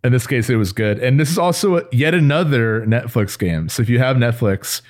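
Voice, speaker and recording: A man co-hosting a casual podcast, explaining a game in a relaxed way with many fillers. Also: mid-range voice, a little fast. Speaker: podcast co-host. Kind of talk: casual chat.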